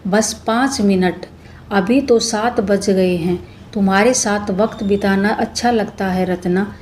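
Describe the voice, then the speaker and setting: A woman's voice: mid-range voice, unhurried, darkish tone, slight background noise, close to an everyday voice. A woman voicing a middle-aged husband who talks in an earnest, pleading way. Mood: irritated. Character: grieving then loving husband, middle-aged man.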